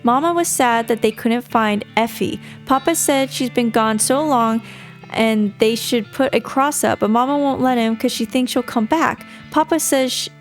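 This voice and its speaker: A woman's voice: on the high side, normal speed, faint music behind, lightly acted. Woman reading as an uneasy little frontier girl. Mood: uneasy, plaintive.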